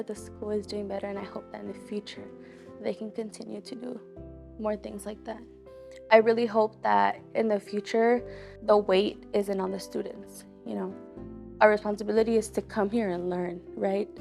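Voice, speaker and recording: A woman's voice: mid-range voice, gravelly, darkish tone. A young woman from Mexico, a college student, sharing her personal story in a casual, earnest way with many fillers. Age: young adult. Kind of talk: personal testimony.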